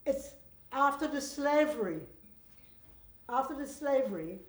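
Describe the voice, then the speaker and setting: A woman's voice: high-pitched, animated, measured pace. An older woman with a Trinidadian accent, reminiscing in a panel discussion. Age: older, over 70. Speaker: panel guest, veteran actress. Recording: echoey room.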